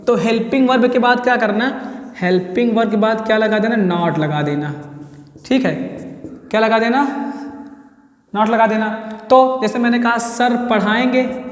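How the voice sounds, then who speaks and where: A man's voice: very high voice, unhurried, pauses often. A male teacher giving a grammar lesson in a classroom, asking questions and answering them himself while repeating key words. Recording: echoey room with long reverb.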